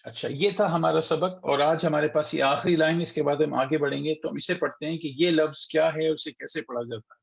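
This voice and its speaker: A man teaching a Quran recitation class online, patiently sounding out letters slowly and repeating them for students. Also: fairly high pitch, steady tone, creaky, dull audio. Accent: Urdu-speaking. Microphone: computer mic on a video call.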